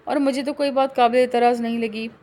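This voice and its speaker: A calm, firm middle-aged mother lays down the rules in a matter-of-fact way in a novel audiobook, as a woman reads her lines. The voice sits somewhat high. The delivery stays steady. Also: natural voice.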